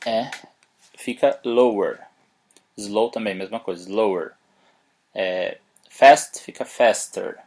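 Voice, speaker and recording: This casual English lesson comes from a male teacher and podcast host who grew up speaking Portuguese. His voice sits on the low side as he spells out words one letter at a time and eases his pace for sample sentences.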